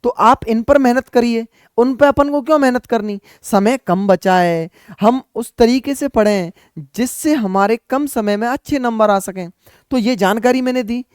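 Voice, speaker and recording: A man's voice: extremely high pitch, normal speed, clean tone, dry recording, clean studio sound. A man, giving earnest, repetitive study advice as an exam coaching teacher.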